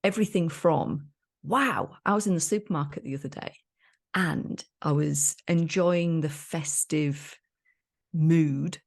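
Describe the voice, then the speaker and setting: Lady cohost, super low gravelly voice, jokey and upbeat. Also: a little slow. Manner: jokey, enthusiastic. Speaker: podcast co-host. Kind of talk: casual chat.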